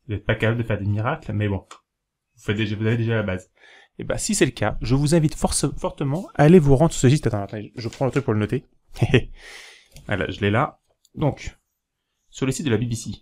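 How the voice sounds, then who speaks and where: A man talking casually to camera, giving practical tips in a rambling, hesitant way, with many fillers and self-corrections, slowing down to spell things out. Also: mid-range voice, lively intonation, darkish tone. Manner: explains slowly, spelling things out while writing. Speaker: video host giving learning tips.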